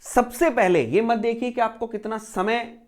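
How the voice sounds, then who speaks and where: A man's voice: very high-pitched, unhurried. A man teaching an exam preparation lecture, asking himself rhetorical questions and repeating key phrases to drive each point home.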